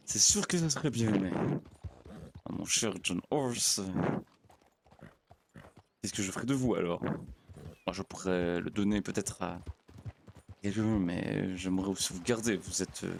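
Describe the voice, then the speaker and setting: A man's voice: low-pitched, unhurried, gravelly, pauses often, background noise. A man playing a naive, polite young frontier pastor in an in-character roleplay. He talks to his horse in a formal, fussy way and often stammers and repeats words. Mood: chatty. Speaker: roleplay player.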